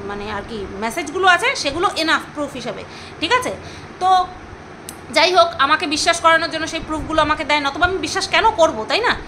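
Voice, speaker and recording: A woman's voice: extremely high pitch, sharp tone, a little hiss or hum, rough recording. A woman vlogger, telling a personal grievance story with indignation, repeating herself and throwing insults. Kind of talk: angry personal storytime vlog.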